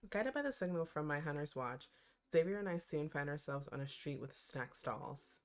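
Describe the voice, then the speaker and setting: An expressive, playful woman doing casual, slangy reaction commentary and reading game text aloud. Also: sits low, normal speed, soft background music. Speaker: reaction host.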